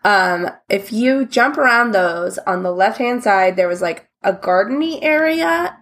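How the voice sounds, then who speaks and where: A woman's voice: mid-range voice, animated, measured pace, fairly bright tone. A woman chatting casually about video games, playful and giggly, with silly nicknames for things.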